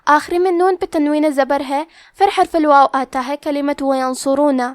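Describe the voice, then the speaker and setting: A woman teaching Quran recitation rules step by step, explaining each letter and then reciting the word slowly. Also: sits high, steady tone, dry recording, studio quality. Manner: methodical, step-by-step explanation with drawn-out recited words.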